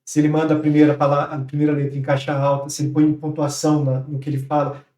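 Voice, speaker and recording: A middle-aged man from Brazil in a podcast conversation, explaining things quickly with some hesitant restarts. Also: fairly high pitch, monotone, mellow, far from the mic. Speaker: podcast participant. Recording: roomy, off-mic podcast audio.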